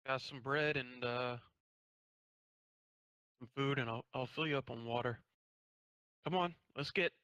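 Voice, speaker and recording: A man voicing a brisk, motherly female innkeeper in a tabletop game, with a gruff, bossy manner. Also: medium pitch, sharp tone, dry recording, rough recording.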